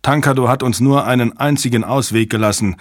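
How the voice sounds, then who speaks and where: A man reading an audiobook, voicing a gruff male systems chief who snaps and grumbles. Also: medium pitch, fairly quick, dry recording, studio quality, lightly acted. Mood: snapping. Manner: snapping, grumbling. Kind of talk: audiobook character voice.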